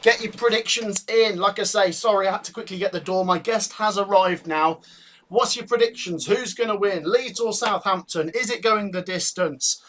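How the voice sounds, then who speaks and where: A man's voice: high-pitched, moderate pace, a little hiss or hum. A man, hosting a casual football watch-along stream, chatting and reading viewer comments aloud. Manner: chatty, reads viewer comments aloud, thanks donors warmly. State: out of breath. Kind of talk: casual live-stream chat.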